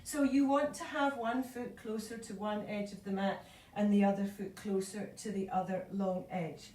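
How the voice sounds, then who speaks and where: A woman leading a yoga class, calmly cueing breath and movement, a little out of breath. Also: mid-range voice, moderate pace. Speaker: yoga instructor. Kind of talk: live online yoga class instruction. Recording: echoey room, voice from far off.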